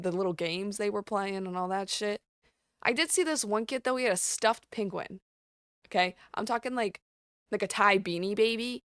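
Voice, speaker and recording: A woman's voice: medium pitch, vocal fry, dry recording, clean studio sound. A woman hosting her own show, telling stories in a casual, blunt, profane way. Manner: blunt, profane, animated storytelling. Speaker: podcast host. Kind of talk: casual storytelling monologue.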